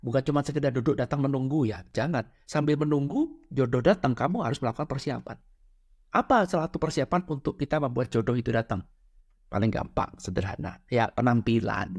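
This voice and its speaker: A man giving a casual motivational lecture, talking straight to his listeners and often checking that they follow. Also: no echo. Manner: chatty, keeps checking with listeners ("betul ya?", "oke?"); animated, jumps up in pitch to stress points. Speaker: spiritual lecturer.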